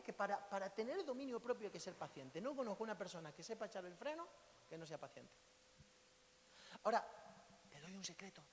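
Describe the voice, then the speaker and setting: Un pastor con acento de España que predica contando historias con humor y gritos repentinos. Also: male voice, high voice. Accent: Spain Spanish. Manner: storytelling, sudden loud cries and laughs. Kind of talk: lively sermon with jokes. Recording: long hall reverb, faint hiss.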